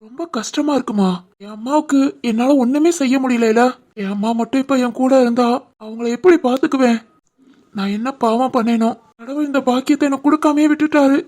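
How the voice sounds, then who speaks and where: A woman voicing an earnest, soft-hearted young husband and son in an animated family drama, with a Tirunelveli Tamil accent. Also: sits high, a little fast, close to an everyday voice. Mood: tearful. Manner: earnest, pleading.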